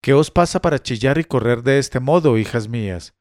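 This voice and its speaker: A man's voice: medium pitch, animated, normal speed, a little mellow, no room sound, lightly acted. A man voicing a worried older noblewoman, a mother, in a spoken story reading, with a dry sound.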